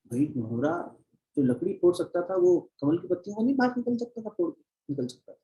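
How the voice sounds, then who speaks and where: A man's voice: high voice, sing-song, a little fast, dark tone, highs cut off. A man teaching at a devotional gathering, telling parables and repeating phrases for emphasis. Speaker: spiritual teacher. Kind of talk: devotional discourse.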